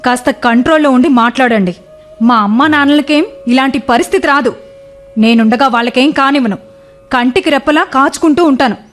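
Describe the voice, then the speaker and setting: A woman's voice: sits high, fairly quick, lightly acted. An actress in a radio play playing a selfish, contemptuous young wife who scolds her husband. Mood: scornful. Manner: scornful, scolding. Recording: faint music behind.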